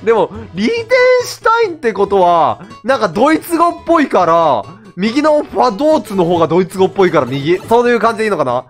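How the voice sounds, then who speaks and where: Man, game commentary, laughing often, wide swinging pitch. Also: fast talker, hardly any pauses, faint music behind. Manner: excitable, laughing, talks to himself. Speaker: game streamer. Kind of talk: casual gameplay commentary.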